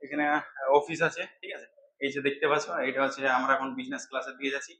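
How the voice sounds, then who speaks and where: A man's voice: mid-range voice, fairly even intonation, fast, pushed and bright, slight background noise. A young man narrating a casual travel vlog aboard a ferry, guiding viewers along with lots of fillers. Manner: chatty, guiding, frequent fillers. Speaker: vlogger.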